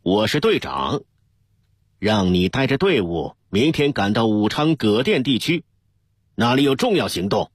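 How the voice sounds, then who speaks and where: A man's voice: fairly low pitch, sing-song, a little slow, slightly rough, no echo, studio quality, voice pushed up, full character voice. A man voicing a big, stubborn squad captain giving orders, in a read-aloud radio story. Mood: commanding. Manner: commanding, stern.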